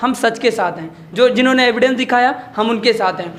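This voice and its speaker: A man's voice: extremely high pitch, brisk, fairly bright tone. A man who is a teacher speaking passionately in a discussion, making a moral appeal to his listeners. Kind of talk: opinion discussion.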